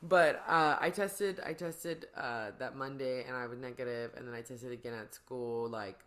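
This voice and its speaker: A woman's voice: very deep voice, normal speed, fairly bright tone. A woman hosting a podcast, chatting casually in a rambling, slangy way. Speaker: podcast host. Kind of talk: casual chat.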